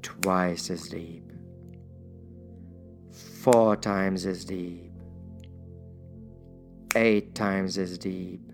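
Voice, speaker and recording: A man guiding a hypnosis session in a soothing, measured manner with drawn-out pauses. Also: low-pitched, steady tone, creaky, faint music behind. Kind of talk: guided hypnosis induction, soothing instruction.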